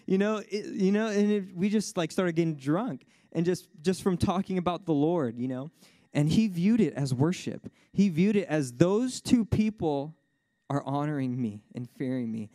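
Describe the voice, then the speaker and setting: A man gives a sermon testimony as a lively, casual story, his voice leaping high whenever the tale gets exciting. His tone is mellow and warm, recorded close and dry, with many easygoing fillers and bursts of laughter. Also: normal speed, no room sound. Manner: animated storyteller, voice jumps high when excited, laughs often; casual, fills speech with "like" and "you know". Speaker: worship speaker at a church service.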